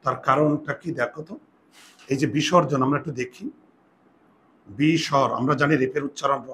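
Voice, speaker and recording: A man's voice: fairly high pitch, fairly even intonation, normal speed, fairly bright tone. A man teaching a Bengali grammar lesson, patiently repeating key points and asking and answering his own questions.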